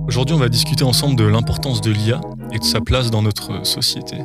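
A man's voice: medium pitch, fairly even intonation, normal speed. A man, hosting a casual podcast. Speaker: podcast host. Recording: prominent music behind the voice.

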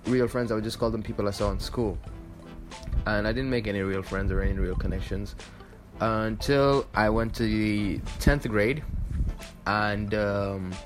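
Rambling young man, lowish voice. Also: measured pace, faint music behind. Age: 20s. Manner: rambling, filler-heavy, restarts often. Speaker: vlogger. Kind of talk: casual talk to camera.

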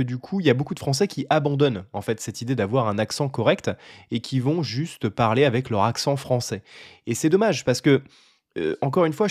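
A young French man giving a casual talk to camera about learning languages, often pausing on fillers and restarting his sentences. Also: mid-range voice, darkish tone, dry recording, clean studio sound. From France. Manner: hesitant, many fillers and restarts.

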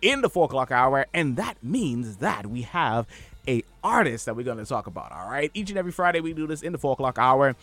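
A man hosting a radio show in a studio, hyping the audience with big swooping pitch. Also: sing-song, fairly quick, fairly bright tone, dry recording. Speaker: radio host.

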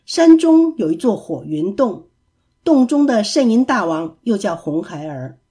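A woman narrating a classic tale for children in a lively, expressive storybook reading. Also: medium pitch, breathy edge.

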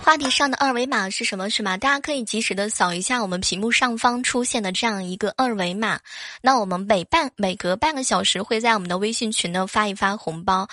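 A woman hosting a live stream, bubbly and chatty, laughing often. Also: medium pitch. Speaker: livestream host.

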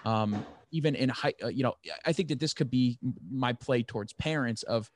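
A man in his twenties, a podcast host and first-time writer, chats casually while seeking advice, rambling earnestly. His voice is mid-range and his pace moderate. There's slight background noise.

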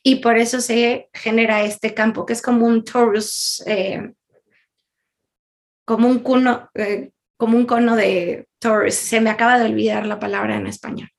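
A woman's voice: on the high side, fairly even intonation, unhurried, gravelly. A woman, a guest in an interview, telling a personal story in an earnest, candid way with frequent laughs and fillers.

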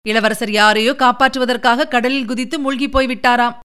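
A grave royal messenger in a storybook tale reports sad news in a steady, clear voice, as a woman reader voices him. The tone is smooth and pitched fairly high. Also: normal speed, natural voice.

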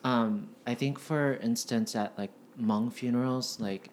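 A man's voice: medium pitch, fairly even intonation, measured pace, slight background noise. A man in his twenties from the United States, a guest in a casual podcast conversation, talking hesitantly with many "um" and "like" fillers. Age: 20s.

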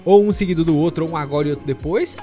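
Man, Brazilian Portuguese accent, upbeat podcast host, high pitch, loud music behind. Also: rapid-fire. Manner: upbeat, reads listener questions. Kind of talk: casual podcast chat.

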